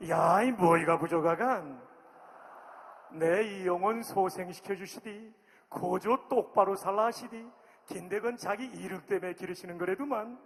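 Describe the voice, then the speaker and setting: Man doing a loud Pyongan-dialect psalm reciter. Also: high-pitched, pitched above the performer's own voice. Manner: loud, exclaiming, rhetorical questions. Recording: long hall reverb.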